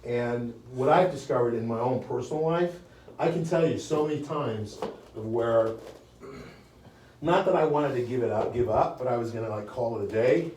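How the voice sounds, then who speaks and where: In a live meeting-room seminar, an American real estate sales trainer keeps things chatty, joking with listeners and checking in with "okay?". His medium-pitched voice is a little mellow at a moderate pace. A distant mic records the echoey room with faint hiss.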